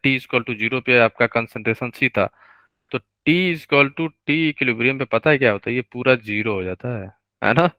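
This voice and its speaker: A man teaching a live online chemistry class, explaining step by step, slowing down to dictate formulas and often checking that students follow. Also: medium pitch, sharp tone, no room sound, poor audio. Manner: explains step by step, keeps asking students to confirm.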